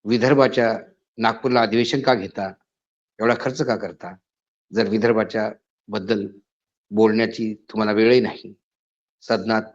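A man giving an indignant spoken editorial, his voice rising to emphatic outbursts. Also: fairly low pitch. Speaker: political commentator. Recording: slightly dull lo-fi audio.

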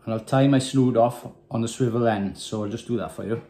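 Slight background noise accompanies a man in his thirties from Wales who briskly walks through tying a fishing rig at his desk. Medium in pitch, calm and plain, he ties knots for a casual step-by-step tutorial, filmed on a desk phone camera in a small, echoey room with windows.

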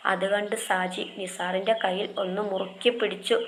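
A woman narrates a family story in a gentle, expressive reading voice. Her pitch sits in a middle range for a woman. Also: moderate pace, a little hiss or hum.

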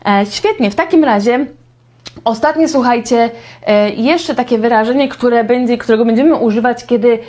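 A woman's voice: on the high side, normal speed, darkish tone. Chatty woman teaching English. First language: Polish. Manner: chatty, explains with many fillers and repeated examples. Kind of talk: casual video lesson.

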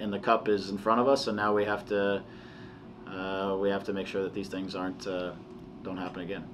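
Halting, low-voiced coach, flat delivery. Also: male voice, slight background noise. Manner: measured, halting, many restarts and fillers. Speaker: soccer head coach. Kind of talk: post-match press conference. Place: press room before a sponsor backdrop.

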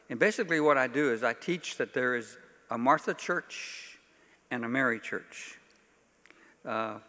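This older man's voice sits at medium pitch, bright and forceful, as he leads a workshop as a pastor. The casual church talk to a conference audience features folksy, dry-humoured asides, captured in a reverberant large hall with long echo.

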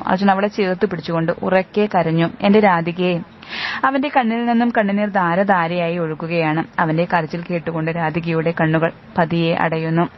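A woman narrating a romantic story, reading every character's lines in her own voice, with occasional slips and self-corrections. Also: on the low side. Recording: slightly dull, faint background noise.

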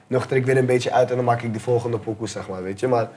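A man's voice: medium pitch, fairly even intonation, fast, a little mellow, slight background noise. A young man from the Netherlands, a rapper being interviewed, talking casually in laid-back street slang full of filler tags. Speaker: rapper guest.

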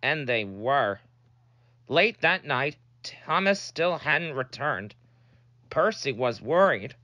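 A man narrating a children's story in an animated storytelling way, with music behind. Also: mid-range voice, slow, no room sound, dull audio.

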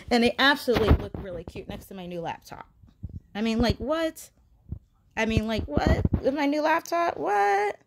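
A young woman at home chatting casually through a shopping haul, gushing and giggling as she goes. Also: mid-range voice. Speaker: vlogger. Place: home, indoors.

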